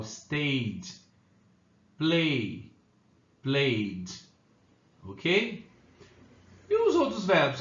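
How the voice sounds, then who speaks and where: Slow, patient man teaching grammar. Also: a little high, a bit bright, roomy sound, highs cut off. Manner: slow, repeats "tá?" and "ok?" to check understanding. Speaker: English teacher. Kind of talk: Portuguese-language grammar lesson.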